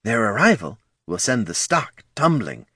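A pompous business magnate delivers his pronouncements in a raised, lively, self-important voice. A man puts him on in an audiobook. The sound is dry and close. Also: fairly low pitch, a little slow, breathy edge, no echo, voice pushed up, full character voice. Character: pompous male tycoon, ominous and aloof.

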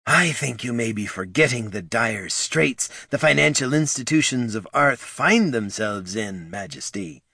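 A man voicing a raspy ancient dwarf banker. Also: medium pitch, lively intonation, unhurried, hardly any pauses, pushed and bright, no room sound, exaggerated voice. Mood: defensive. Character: ancient male dwarf banker, gruff and cornered.

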